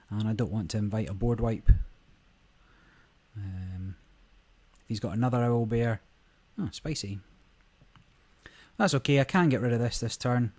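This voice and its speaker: Casually commenting on a card game for his gaming channel, a man speaks in a relaxed, meandering way full of fillers. His voice is mid-range and a touch croaky.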